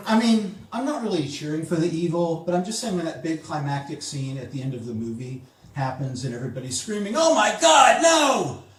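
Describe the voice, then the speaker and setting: A man performing a comedic spoken-word piece at a poetry slam, mocking and exasperated, breaking into shouted impressions. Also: a little high, fast, recorded from a distance. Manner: exasperated, mocking, acts out quoted lines with shouts. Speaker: slam poet. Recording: echoey room recorded from afar.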